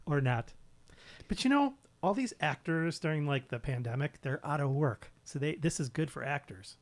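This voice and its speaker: A man's voice: on the high side, animated, moderate pace. A man co-hosting a casual live podcast, joking and rambling while he gets sidetracked. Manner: joking, easily distracted, rambling. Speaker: co-host.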